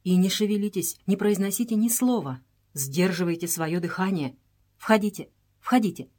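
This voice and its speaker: A woman's voice: mid-range voice, normal speed, darkish tone, natural voice. A woman voicing a proud repentant male guide. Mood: hushed urgent.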